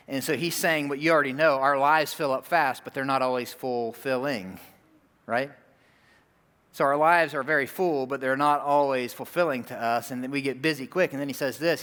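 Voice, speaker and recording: A middle-aged man delivers a sermon, speaking to his congregation in a relaxed, conversational voice at a middle pitch. He tells stories with asides like he's chatting with friends. His voice rings out with the long reverb of a large hall. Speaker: pastor.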